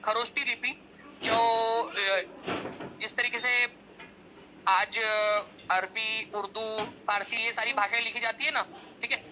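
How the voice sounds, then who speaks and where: Man, coaching lecture, step-by-step explaining, raised voice pitch, traffic audible in the background. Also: steady tone, a little slow, sharp tone, poor audio. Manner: explains step by step, keeps checking in with the class. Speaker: exam coaching teacher. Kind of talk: exam-prep lecture.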